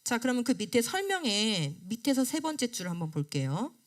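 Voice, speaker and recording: Woman teacher, middle-aged, raised pitch, animated lecture delivery with questions to the class. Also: brisk. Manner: asks the class questions and answers them herself; lively, rising and falling delivery. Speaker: creation science lecturer. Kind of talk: classroom lecture on a study book.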